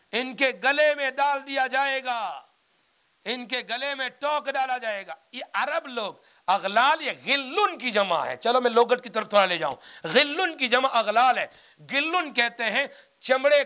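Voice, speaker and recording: High bright-voiced male preacher. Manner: recites Arabic verses and explains them in Urdu; emphatic, repeats phrases. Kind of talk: Quran commentary sermon.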